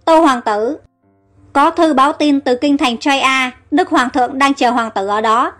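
Formal soldier reporting to his prince, read by a woman, high-pitched. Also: unhurried, fairly bright tone, faint music behind. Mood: dutiful.

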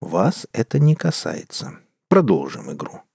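A man's voice: sits low, wildly swooping pitch, unhurried, gravelly, darkish tone, breathy edge, dry recording, clean studio sound, voice pushed down, exaggerated voice. A man doing a cold, mysterious lady gambler. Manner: cool, detached. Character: cold mysterious young lady card player.

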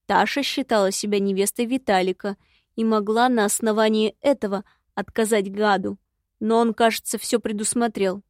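A woman voicing a secretive, grumbling male imp in an audiobook, speaking slowly and gruffly. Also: mid-range voice, steady tone, a little mellow, dry recording, clean studio sound, close to an everyday voice. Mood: glum.

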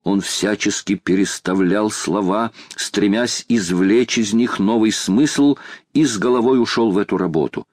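Low-voiced male audiobook narrator. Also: measured pace, a little mellow, no room sound, studio quality. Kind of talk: scripted narration.

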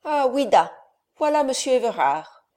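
A woman's voice: on the high side, lively intonation, moderate pace, dark tone. A woman reading the part of an angry, sardonic nobleman who scolds his son with scornful commands. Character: angry, sardonic middle-aged nobleman father. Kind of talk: audiobook character reading.

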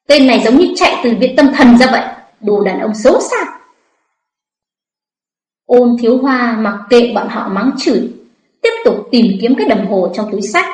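Woman narrating a story, roomy echo. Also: fairly high pitch. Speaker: audiobook narrator.

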